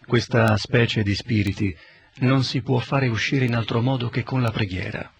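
A man reading the words of Jesus as a calm, authoritative teacher in a scripted Bible reading, solemn and measured. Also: medium pitch, vocal fry, slightly rough. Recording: dull lo-fi recording.

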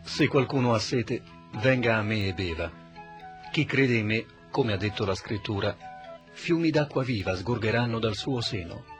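A man playing Jesus as a calm, solemn teacher in a dramatized Bible reading, speaking in a measured, grave way. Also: fairly low pitch, faint music behind, lightly acted. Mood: earnest.

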